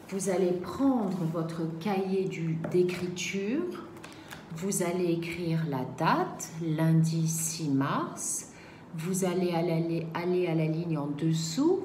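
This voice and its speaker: A woman teaching a reading lesson to young children, sounding out each syllable slowly and carefully. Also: on the low side, warm tone. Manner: slow, carefully articulated syllables. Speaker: primary school teacher. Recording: echoey room, faint background noise.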